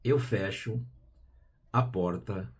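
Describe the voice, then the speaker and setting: A man with a Brazilian Portuguese accent hosting a spiritual program, talking in a relaxed, conversational way with frequent tag questions and quiet asides. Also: lowish voice, extremely slow, breathy edge. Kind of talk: casual spiritual talk.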